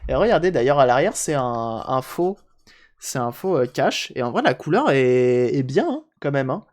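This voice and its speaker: A man's voice: mid-range voice, big pitch swings, normal speed, a little mellow. Chatty man repairing on stream. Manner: chatty, jokey, answers chat aloud. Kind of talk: casual live-stream chat while repairing.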